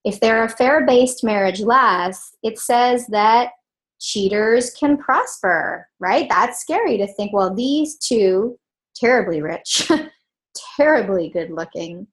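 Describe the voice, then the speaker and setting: A woman's voice: on the high side, animated, slow. Woman sexologist host, candid solo podcast talk, emphatic and frank. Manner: frank, emphatic, with a dry laugh.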